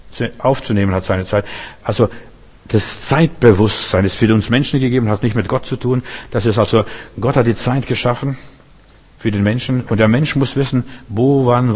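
A man's voice: on the low side, darkish tone, slightly rough, big-room sound. A man preaching a sermon, speaking straight to his listeners and driving points home by repeating them. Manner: addresses listeners directly, emphatic repetition.

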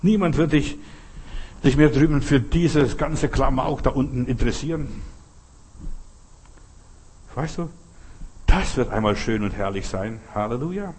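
Husky-voiced male preacher. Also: mid-range voice, unhurried, long pauses, a little mellow. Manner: repetitive, rhetorical questioning. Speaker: pastor. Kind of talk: sermon.

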